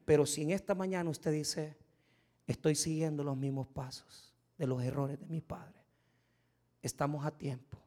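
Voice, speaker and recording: A middle-aged man preaching a sermon as pastor, swinging from soft speech to loud shouts. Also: fairly high pitch, level tone, normal speed.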